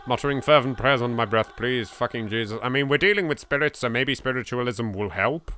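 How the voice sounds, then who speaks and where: An English man from England narrates a let's play at a medium pitch, speaking a little fast in a pushed, bright voice. He reads the game text with dramatic flair and tosses in sweary, jittery, sardonic asides.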